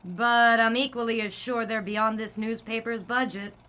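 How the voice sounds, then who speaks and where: A woman's voice: a little high, steady tone, moderate pace, pushed and bright. A woman voicing a chipper young 1920s newspaper editor with breezy, wide-eyed chatter. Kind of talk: 1940s radio acting.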